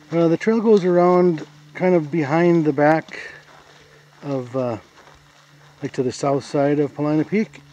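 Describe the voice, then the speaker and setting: With a mellow, slightly high voice and an American accent, a man films himself hiking a forest trail, casually pointing out the sights in an easygoing, plain way. The lo-fi camera audio is dull, with slight background noise.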